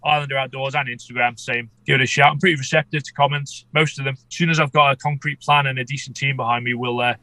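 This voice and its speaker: A man's voice: medium pitch, steady tone, fast, hardly any pauses, pushed and bright, no echo, rough recording. A man chatting casually as an interview guest, congested with a head cold so he sounds underwater. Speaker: podcast guest, amateur shark expedition filmmaker.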